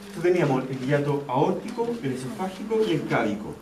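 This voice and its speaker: Fast and animated, a man with a slightly high voice lectures on anatomy in a classroom, explaining each step, repeating key terms and checking students keep up. It's captured from far away in an echoey lecture hall, with faint ambience but heavy background noise.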